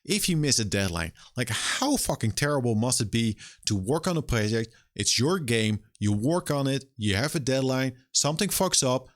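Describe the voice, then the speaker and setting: A man's voice: medium pitch, expressive, moderate pace, few pauses. A young man streaming live and ranting in a casual, exasperated way, swearing often. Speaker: streamer and game developer. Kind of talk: casual livestream rant.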